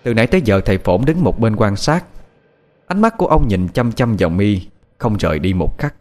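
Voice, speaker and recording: A man's voice: on the low side, big pitch swings, fairly quick. Man narrating a ghost story. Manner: dramatic, suspenseful reading. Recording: soft music behind the voice.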